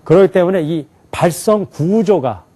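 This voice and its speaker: A man lectures a room of students. He talks with plenty of lift and fall in a slightly high voice, firing questions at the class and laughing as he goes. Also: normal speed. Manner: animated, asks the class questions and laughs often. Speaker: English teacher at an alternative school.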